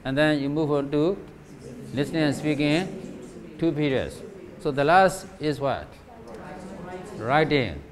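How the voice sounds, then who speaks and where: A man's voice: fairly high pitch, animated, slow, long pauses. A man from Myanmar giving a teacher training lecture, asking rhetorical questions and checking in with "right?" and "okay?" after nearly every point. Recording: faint background noise.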